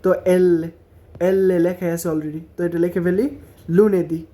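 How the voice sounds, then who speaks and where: A man teaching a language lesson, repeating each word slowly and breaking it into syllables. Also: high voice, flat delivery, warm tone. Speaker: Italian teacher.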